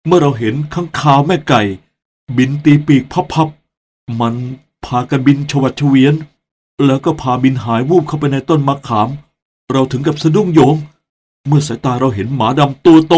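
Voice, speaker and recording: A man's voice: mid-range voice, normal speed, a little mellow. A man narrating a radio ghost drama who stammers and hesitates when he speaks in the scenes. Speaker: narrator and lead actor.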